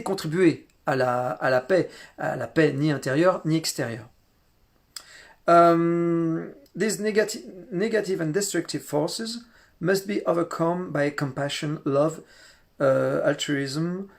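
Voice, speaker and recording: A man giving a spiritual teaching talk, halting often with repeated words and fillers. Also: fairly high pitch, vocal fry.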